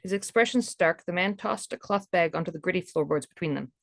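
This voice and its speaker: Dry, low-toned woman narrating fiction. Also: a little fast, gravelly, no room sound. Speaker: audiobook narrator. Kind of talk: scripted narration of a historical romance.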